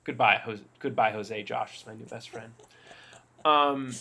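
A man with a gravelly, creaky voice, chatting casually as a podcast co-host. He talks in a loose, relaxed way, full of fillers and restarts. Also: mid-range voice, unhurried. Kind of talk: casual sports chat.

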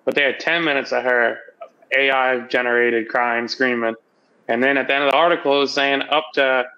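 Bright-voiced, profane podcast co-host man. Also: medium pitch, highs cut off. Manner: loose, profane, laughs often. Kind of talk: casual chat.

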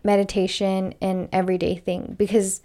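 A young woman talks easily in a relaxed podcast chat. Her voice sits at an ordinary middle pitch. She leans on "like" as she works through her thoughts. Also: moderate pace. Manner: chatty, lots of "like" fillers. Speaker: podcast co-host. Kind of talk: casual chat.

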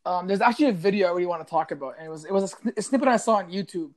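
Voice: medium pitch, racing. A podcast co-host chatting loosely about sports, full of fillers like bro and like. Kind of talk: casual sports podcast chat.

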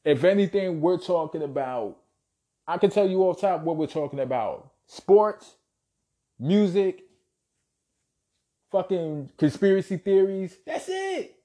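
A young man with a fairly high-pitched voice, ranting in commentary style. He talks in a heated, emphatic way, swears freely and repeats points for force. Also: a little slow, pauses often, dark tone.

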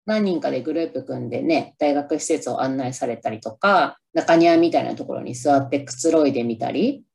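A woman's voice: extremely low pitch, lively intonation, fairly quick, gravelly, a little mellow. A Japanese woman casually talking about a favorite film on her own podcast, upbeat and chatty, now and then trying out English lines aloud. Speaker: podcast host. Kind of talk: casual solo movie review talk.

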